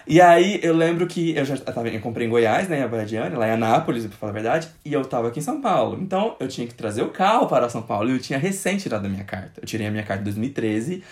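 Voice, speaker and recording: Animated fast-talking Brazilian man. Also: medium pitch. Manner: animated, jumps into quoted voices. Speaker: guest telling a story. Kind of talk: casual storytelling chat.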